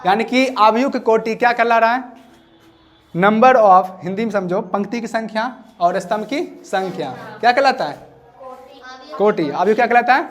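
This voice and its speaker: A man's voice: sits high, moderate pace, a bit bright. A man teaching a maths class, repeating his questions so students answer back. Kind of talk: classroom lecture.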